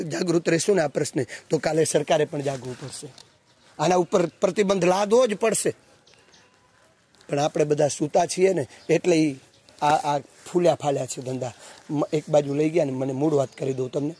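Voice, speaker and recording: A man giving a storytelling motivational talk at a student camp, animated and preachy, questioning his audience. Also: fairly high pitch, breathy edge. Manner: animated, acts out dialogue and asks the audience questions; preachy, rousing. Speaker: speaker at a student values camp.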